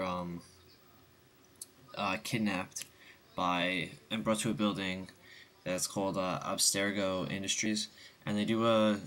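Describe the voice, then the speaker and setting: A man's voice: low-pitched, fairly bright tone, slight background noise. A young man with the hiccups giving a rambling, casual game review voice-over, full of ums and restarts.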